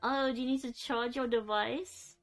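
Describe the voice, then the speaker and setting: Young woman, casual stream chat, soft rambling talk, faint music behind. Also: fairly high pitch, steady tone, normal speed. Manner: chatty, soft and rambling, cooing at her pets. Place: bedroom.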